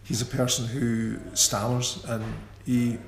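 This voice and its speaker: A man with a level, medium-pitched voice stammers through a radio interview, where he appears as a musician guest, repeating sounds and restarting. His manner is slow and considered; the recording is echoey with faint ambient noise.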